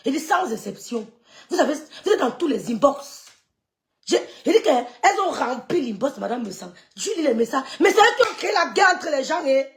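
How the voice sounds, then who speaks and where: Middle-aged woman with a high, gravelly voice, scolding in a live rant. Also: very animated, normal speed. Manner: scolding, scornful, repeats dismissive sucks of the teeth. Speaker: social media gossip streamer. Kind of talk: heated live-stream rant.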